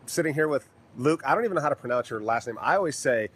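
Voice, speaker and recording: A man hosting a casual podcast, a stand-up comic who talks in a relaxed way with lots of "uh" fillers. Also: mid-range voice, quick pace, music in the background.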